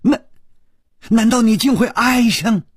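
A man's voice: very high-pitched, measured pace, slightly rough, no room sound, studio quality, voice pushed up, heavily acted. A man voicing a frightened, dying woman who stammers in a trembling voice. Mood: shocked.

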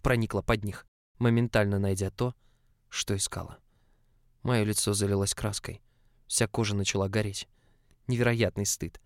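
Low-voiced male audiobook narrator. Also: clean tone, no echo, studio quality. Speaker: audiobook reader. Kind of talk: scripted narration.

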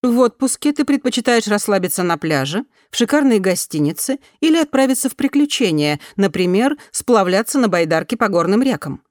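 A woman's voice: medium pitch, very animated, brisk, hardly any pauses, no room sound, clean studio sound, pitched above the performer's own voice, close to an everyday voice. A woman voicing a polite, announcer-like automated female survey voice that asks questions.

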